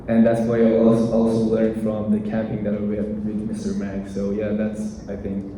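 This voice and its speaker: A young man from Iran giving an earnest, halting short speech as a student at an event. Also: fairly low pitch, completely flat delivery, noisy background. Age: young adult. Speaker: international student speaker. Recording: very echoey room, mic far off.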